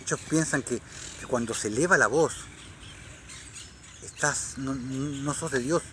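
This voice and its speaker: A man reading scripture and preaching on it, fervent and rising to loud, emphatic declarations. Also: mid-range voice, unhurried, noisy background. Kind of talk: Bible reading and sermon commentary.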